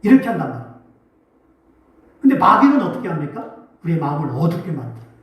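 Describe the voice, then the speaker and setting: A man's voice: on the high side, very animated, fast, fairly bright tone. A male pastor preaching a sermon with emphatic delivery, often asking the congregation questions. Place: church sanctuary. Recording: very echoey church from a distance.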